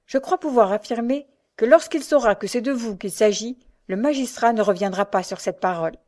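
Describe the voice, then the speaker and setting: A woman's voice: fairly high pitch, a little fast, darkish tone, lightly acted. A woman reading the part of a kindly, confident elderly male doctor in an audiobook, with a paternal, reassuring manner.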